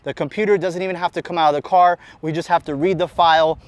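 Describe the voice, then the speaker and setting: Brief: American man who owns a shop, energetic and enthusiastic, high smooth voice, outdoor street walkaround. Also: no room sound. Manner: energetic, enthusiastic, talks fast in long run-on sentences. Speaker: shop owner presenting a car. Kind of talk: unscripted walkaround presentation. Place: outdoors on a closed city street beside a car.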